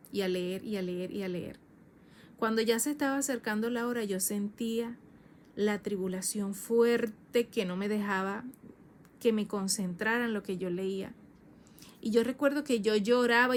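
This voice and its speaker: A woman evangelist in her thirties giving a fervent personal testimony, repeating phrases and rising high in pitch when emotional. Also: a little hiss or hum.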